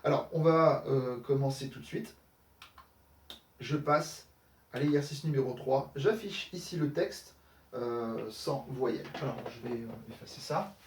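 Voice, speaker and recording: A man's voice: medium pitch, unhurried, far from the mic, a little hiss or hum. Man teaching grammar with many fillers. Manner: explanatory, many fillers, checks understanding with "d'accord?". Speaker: Arabic teacher. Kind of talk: recorded grammar lesson correcting exercises. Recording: echoey room, voice somewhat off-mic.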